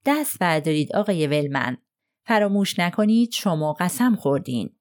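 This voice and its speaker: A woman's voice: on the low side, very animated, a little mellow. A woman voicing a cold, firm male lawyer in an audiobook, pressing a witness with probing questions. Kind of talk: audiobook character reading.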